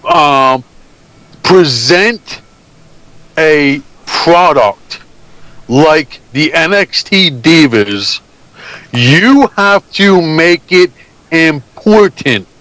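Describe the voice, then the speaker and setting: A man on a sports talk panel, halting and searching for words. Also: a little high, expressive, a bit bright, no room sound, rough recording. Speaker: guest panelist. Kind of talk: casual sports talk review.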